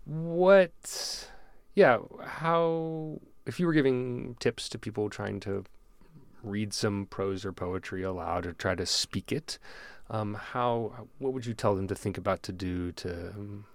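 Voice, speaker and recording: A man hosts a casual studio interview, feeling his way through questions with frequent ums and restarts. His voice sits on the low side. The sound is close and dry. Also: fairly even intonation, slow, no echo. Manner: hesitant, many ums and restarts. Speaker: interview host. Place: recording studio.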